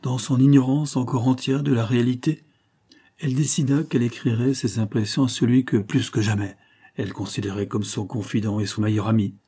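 Male audiobook narrator, expressive literary reading, dark, husky tone. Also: mid-range voice, brisk. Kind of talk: scripted narration.

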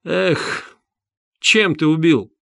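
A man reading the part of a sharp, agitated middle-aged investigator. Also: fairly high pitch, very slow, creaky, no room sound, studio quality, pitched above the performer's own voice, heavily acted. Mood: irritated interrogation. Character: Porfiry, irritable middle-aged male investigator.

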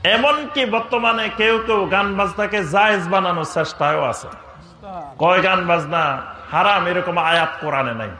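Male preacher, high and forceful delivery, fiery sermon with chanted quotations, roomy echo. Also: moderate pace. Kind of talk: Bengali waz sermon.

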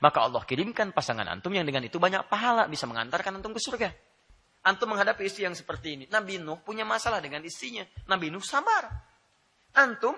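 A man preaching an Islamic sermon, animated and joking, talking straight to his listeners. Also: fairly high pitch. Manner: animated, joking with the audience, rising to loud laughing emphasis; addresses listeners directly.

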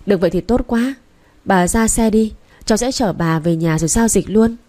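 A woman's voice: mid-range voice, moderate pace, mellow, natural voice. A woman reading aloud voices a polite, friendly young woman buying rice. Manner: polite, courteous.

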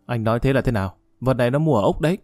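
A man's voice: mid-range voice, animated, racing, a little mellow, no room sound, soft background music, close to an everyday voice. A man voicing a stern, worldly older official who talks bluntly. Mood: gruff. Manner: blunt, commanding, uses familiar address.

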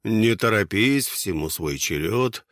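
A man voicing a sly gang boss who speaks in an unhurried, mocking way. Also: on the low side, lively intonation, fairly bright tone, no echo, studio quality.

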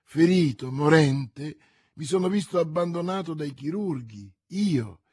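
A man's voice: fairly high pitch, expressive, unhurried, a little mellow, breathy edge, no echo, clean studio sound. A man voicing a vain, boastful musketeer who declaims grandly and pities himself. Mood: indignant boasting. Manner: pompous, theatrical declaiming.

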